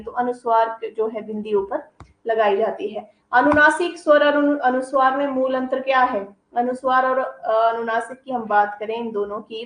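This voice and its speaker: A woman's voice: fairly high pitch, roomy sound, rough recording. A woman teacher giving a grammar lesson, explaining each term and then giving examples. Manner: explains terms, then gives examples, checks with "ठीक है". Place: coaching classroom.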